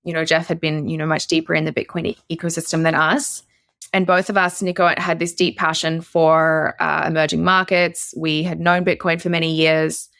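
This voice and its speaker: A woman's voice: low voice, little pitch movement, moderate pace, gravelly, a bit bright, no room sound, clean studio sound. A woman from Australia, a guest investor on a podcast interview, chatty with many fillers and restarts.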